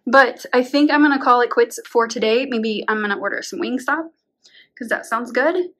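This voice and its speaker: A woman's voice: on the high side, normal speed, fairly bright tone. A young woman vlogging casually at home while painting her room, chatty and rambling, tired and at times out of breath. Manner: chatty, rambling, uses "like" often, laughs between words. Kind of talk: casual vlog talk to camera. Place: home bedroom being painted.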